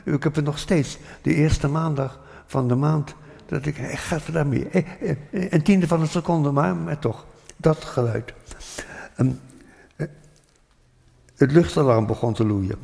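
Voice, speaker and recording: An older man from Rotterdam telling a childhood memory in a thoughtful, unhurried way, pausing with hesitant fillers. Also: fairly high pitch, creaky, a little mellow. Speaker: storyteller. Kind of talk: reflective spoken memoir. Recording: long hall reverb.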